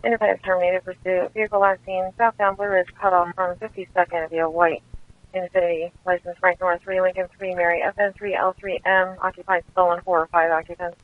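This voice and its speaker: A man working as a police dispatcher, heard over a police radio channel, reading back locations in a clipped, flat way. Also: sits high, fairly quick. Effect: police radio transmission. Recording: tinny dry radio channel.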